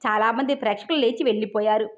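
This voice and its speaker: A woman storyteller reads a novel aloud in a steady manner. Her voice sits high, and the recording sounds dull and lo-fi. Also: quick pace. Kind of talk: novel reading.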